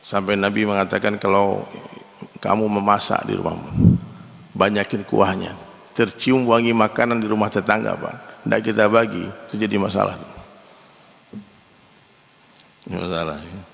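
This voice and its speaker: A man delivers a sermon with a gravelly, forceful voice. He tells stories in a lively way and keeps turning to speak straight to the men listening. His voice carries a long reverb, as if he were preaching in a spacious hall. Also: fairly low pitch, normal speed. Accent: Indonesian. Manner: lively storytelling, addresses the men in the audience as "Pak".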